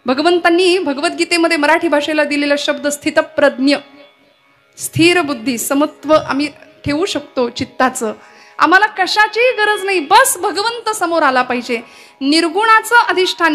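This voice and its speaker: A woman giving a devotional kirtan sermon. She tells the story dramatically, chants Sanskrit verses slowly and puts questions to the audience. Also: sits high, fairly bright tone. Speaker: kirtan performer.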